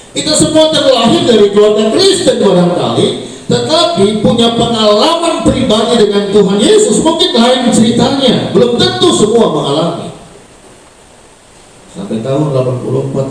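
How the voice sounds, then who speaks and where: A middle-aged man preaching a sermon to a school assembly, telling a story with animated swings from hushed to loud. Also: high voice. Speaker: pastor. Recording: echoey room, distant mic, faint ambience.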